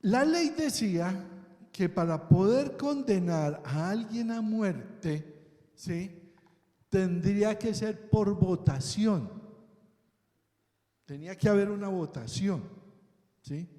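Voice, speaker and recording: A man preaches slowly in a big echoing church hall, his high voice rising and falling with lively swings. He keeps asking the congregation questions and checking in with them again and again. His tone stays dark and mellow. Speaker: pastor. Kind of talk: sermon.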